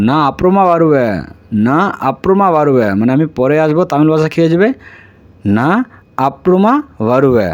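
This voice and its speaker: Guy teaching a language, kinda high voice, says stuff twice then explains it. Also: darkish tone. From India. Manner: repeats each phrase slowly, then glosses its meaning. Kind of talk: casual spoken language lesson.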